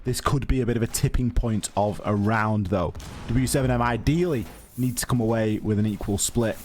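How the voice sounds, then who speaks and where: A man's voice: fairly low pitch, moderate pace. Male esports caster over light noise. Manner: excitable play-by-play calling. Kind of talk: esports commentary.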